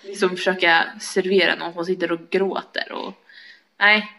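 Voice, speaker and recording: A woman's voice: fairly low pitch, little pitch movement, sharp tone. A woman in casual chat, mostly giving short agreeing replies and recalling an awkward situation.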